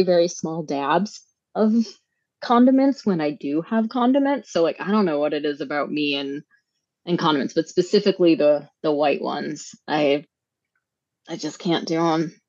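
A woman from Minnesota with a lowish voice, chatting as a podcast guest. She talks in a halting, chatty way and keeps restarting her sentences. The sound is dry and a little dull, with no room around it. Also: darkish tone, dry recording. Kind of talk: casual chat.

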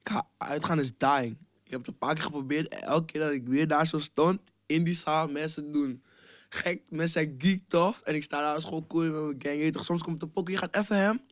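A young man guest in a casual chat, telling slangy stories in an animated way. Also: on the high side, a little fast, no echo, clean studio sound.

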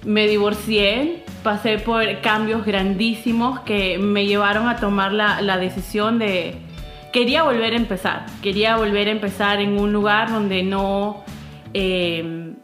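A woman's voice: mid-range voice, steady tone, a little slow, a bit bright, reverberant, faint music behind. A woman in her thirties from Peru, talking openly as an interview guest, with frequent fillers and restarts. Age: 30s. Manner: candid and open, with many fillers and restarts. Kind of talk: casual interview chat.

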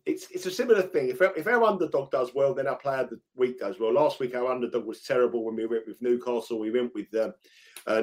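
A man with a London accent talking football betting on a podcast, often repeating himself as he gets going. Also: medium pitch. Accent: London English. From England. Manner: laughs through stories, repeats himself when excited. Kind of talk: casual podcast chat.

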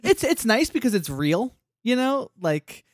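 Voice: mid-range voice, sing-song, a little slow, no echo, clean studio sound. Rambling podcast co-host recapping a cartoon. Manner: rambling, many "like" fillers; acts out quoted lines. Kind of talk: casual chat recapping a cartoon episode.

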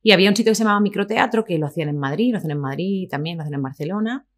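A woman from Spain with a Spanish accent, a podcast guest telling animated stories in a casual interview. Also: fairly low pitch, racing. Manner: animated, lively anecdotes with quoted voices and laughter.

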